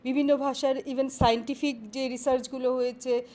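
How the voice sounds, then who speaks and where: A woman professor answering interview questions on careers in a measured, explanatory way, pausing often to find her words. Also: high-pitched, little pitch movement, dark tone. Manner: measured, explanatory, with frequent pauses and fillers.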